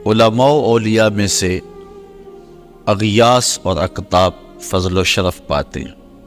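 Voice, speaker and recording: Male preacher, lowish voice, measured phrase-by-phrase sermon delivery, faint music underneath. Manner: slow, deliberate, pausing between phrases.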